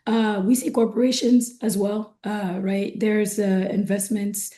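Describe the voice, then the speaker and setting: A woman speaking as a panelist on an online discussion, her voice hoarse and not its usual sound, talking in a measured way and often checking in with "right?". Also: mid-range voice, fairly even intonation, mellow. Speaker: panelist from an investment firm. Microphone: video call.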